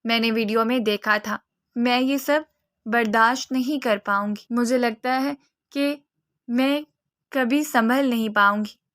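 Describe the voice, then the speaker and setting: A woman's voice: a little high, fairly even intonation, a bit bright, dry recording, studio quality, natural voice. A woman reading a storybook and voicing a timid young woman who pleads tearfully.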